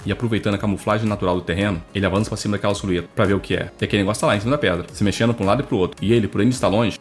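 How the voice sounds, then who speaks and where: A man narrates a comic manhwa recap at a very rapid clip, breaking in with jokey asides. His voice sits low, and faint music plays beneath him.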